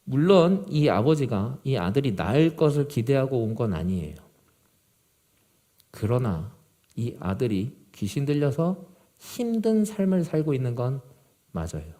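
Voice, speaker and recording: A male pastor preaching a sermon to a youth group, swinging from loud, urgent emphasis to low, quiet gravity. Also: sing-song, measured pace.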